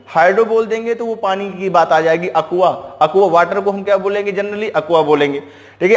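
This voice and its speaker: A man's voice: high voice, long reverb tail. A man teaching a chemistry lesson step by step, often asking rhetorical questions and calling his students "beta". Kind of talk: classroom lecture.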